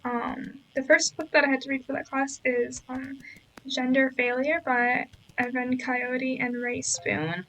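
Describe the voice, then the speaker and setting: A young woman chatting in a relaxed, rambling way about books she read, with many fillers. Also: high-pitched, measured pace, slight background noise, low-quality recording. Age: young adult. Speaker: book vlogger. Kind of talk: relaxed casual chat over gameplay. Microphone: voice-over.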